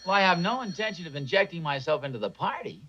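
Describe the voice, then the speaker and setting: A man's voice: sits high, expressive, quick pace, pushed and bright, slight background noise. An actor playing a genial, meddling middle-aged father in a 1950s sitcom, chuckling and folksy as he offers to help. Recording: dull lo-fi 1950s TV soundtrack.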